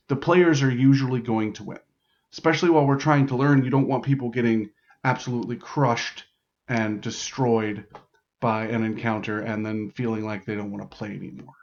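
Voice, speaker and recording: A game host explains how to write larp modules in an off-the-cuff tutorial, musing aloud in loose, informal phrases. His voice is mid-range and the audio sounds dull.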